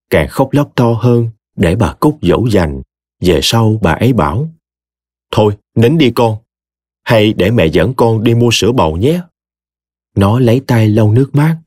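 A man narrating an audio story with an expressive, dramatic reading. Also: fairly low pitch, breathy edge, no room sound, studio quality.

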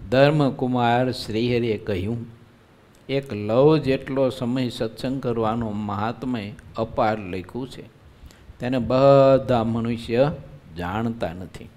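A male monk preaches to a gathered congregation in an easy, conversational style. His voice sits at an ordinary middle pitch, and he keeps turning to his listeners with rhetorical questions. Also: takes it slowly, darkish tone. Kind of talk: devotional sermon. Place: live religious gathering.

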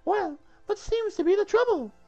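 A woman's voice: very high voice, animated, moderate pace, vocal fry, mellow, dull audio, soft background music, full character voice. Woman playing a gushing, flirtatious castle maiden, Zoot. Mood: insistent. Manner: theatrical, gushing, insistent. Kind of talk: comic script read-through.

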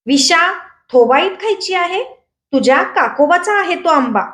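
A woman's voice: extremely high pitch, lively intonation, unhurried, a bit bright, echoey room, pitched above the performer's own voice, full character voice. A woman doing a bossy, threatening village man. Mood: scolding. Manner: scolding, threatening. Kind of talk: storybook reading.

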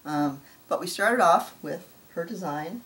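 A woman's voice: fairly low pitch, lively intonation, unhurried, background noise. A middle-aged woman hosting a casual show-and-tell craft vlog, chatty and self-deprecating, with fillers and restarts. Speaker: flosstube host.

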